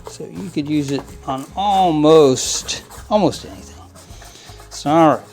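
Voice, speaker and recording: Over soft music, a man with a slightly high, unhurried, somewhat mellow voice talks through cleaning model trains at his work table. He hosts a model train hobby channel, and his casual how-to narration rambles along, full of fillers and restarts and punctuated by frequent chuckles.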